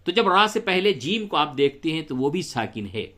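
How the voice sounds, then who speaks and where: Patient Quran teacher spelling out letters. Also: male voice, a little high, sing-song, bright, forceful tone. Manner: explains rules patiently, spells out letters and recites slowly. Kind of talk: tajweed lesson with slow recitation.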